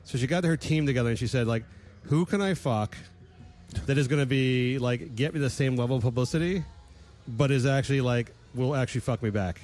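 A man co-hosting a loose, comedic conversation. He talks at a brisk clip, animated and laughing often, with a voice of ordinary middle pitch. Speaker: podcast co-host. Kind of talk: casual comedic chat.

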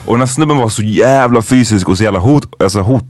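A man co-hosting a podcast in casual chat, halting and restarting often and using slang. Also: medium pitch, a little mellow, no room sound, studio quality. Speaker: podcast co-host.

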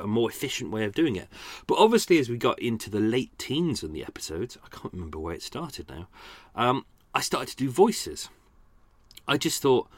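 In a recording with no room sound, a man with a mid-range voice hosts a podcast. He chats casually, self-deprecating and talkative, laughing at himself often.

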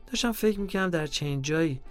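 A man narrating a diary in a calm, measured reading voice. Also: on the high side, faint music behind.

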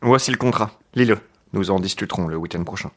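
A man's voice: deep voice, fast. A French man co-hosting a podcast, reading a novel aloud in a mock-dramatic way with joking asides.

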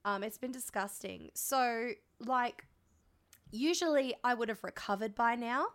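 An Australian woman co-hosting a podcast, hoarse and congested with a cold, telling frank, sweary, self-mocking anecdotes in casual chat. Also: on the high side, unhurried, fairly bright tone. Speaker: podcast co-host.

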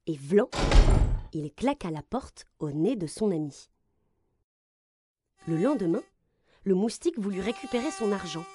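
Lively woman reading a children's story. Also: medium pitch, unhurried, long pauses, noisy background. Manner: expressive, gentle narration.

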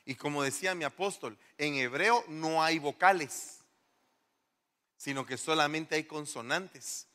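A middle-aged male pastor giving an animated sermon in a church, firing rhetorical questions at the congregation. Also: a little high. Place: church hall. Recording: long church reverb.

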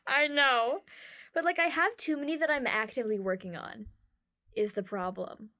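A woman co-hosting a podcast chats casually in an animated, playful way. Her voice sits a little high. She talks with a quick, joking energy. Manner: animated, playful, laughing often. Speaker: podcast co-host. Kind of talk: casual chat.

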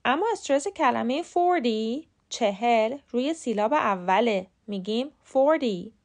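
A woman with a Persian accent, hosting a podcast and giving a scripted English lesson with clear, careful enunciation of example words. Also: on the high side, animated. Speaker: podcast host and English teacher.

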